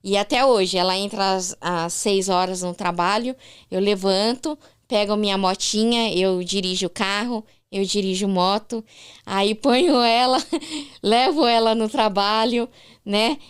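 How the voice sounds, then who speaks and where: A woman's voice: medium pitch, unhurried, clear, resonant tone. A woman with a Brazilian Portuguese accent, a podcast guest who tells her story with emotion and faith and acts out the people she quotes. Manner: animated, faith-filled, acts out quoted voices. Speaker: interview guest.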